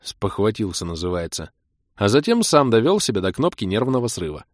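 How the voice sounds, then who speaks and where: A man's voice: lowish voice, big pitch swings, a little fast, no room sound, studio quality. A young man narrating a first-person audiobook with a wry, self-ironic tone.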